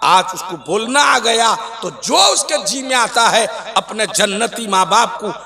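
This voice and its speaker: A man preaching a sermon, in an impassioned style that swings from shouted peaks to hushed drops. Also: high voice, lively intonation, a little slow, vocal fry, long reverb tail, crowd noise. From West Bengal, India. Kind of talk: Islamic sermon.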